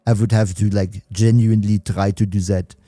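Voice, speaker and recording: Speaking at normal speed in a low-ish, dark, level voice, this young German-accented man runs a relaxed gaming livestream. He's chatty, reading and replying to viewers' messages and laughing frequently. There's no echo on the recording.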